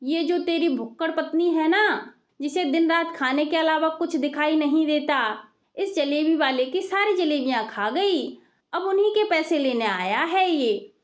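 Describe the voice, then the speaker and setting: Scolding older mother-in-law for a told story, high and sharp-tongued, voiced by a woman storyteller. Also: unhurried. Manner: scolding, exasperated.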